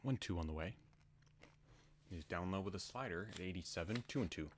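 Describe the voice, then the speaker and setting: Man, deep voice, home play-by-play, laid-back asides. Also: fairly quick, slight background noise. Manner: relaxed, chatty asides between calls. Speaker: play-by-play announcer. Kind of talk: casual solo baseball commentary.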